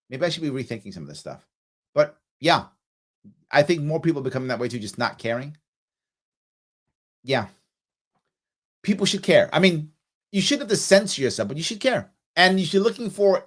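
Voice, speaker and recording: A middle-aged man from New York City's South Bronx hosts a live ask-me-anything stream, reading viewer comments aloud and answering offhandedly with plenty of fillers. His voice is on the high side and a bit bright, animated at a normal speed, with frequent pauses.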